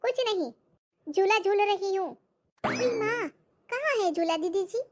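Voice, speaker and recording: A woman's voice: extremely high pitch, expressive, a little slow, pitched above the performer's own voice. A woman playing a naive, lazy young sister-in-law with a chirpy, showy way of talking. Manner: chirpy and naive, with English words thrown in.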